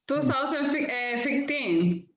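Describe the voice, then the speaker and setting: A woman's voice: high voice, animated, a little hiss or hum. Laughing woman from the Dominican Republic. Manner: laughs often, slightly halting English. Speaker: caller. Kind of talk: casual group video call. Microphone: video call. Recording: echoey, dull video-call audio.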